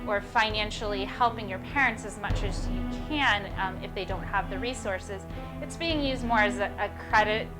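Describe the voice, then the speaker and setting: A woman's voice: mid-range voice, moderate pace. A woman interviewee explaining in a matter-of-fact way. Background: music.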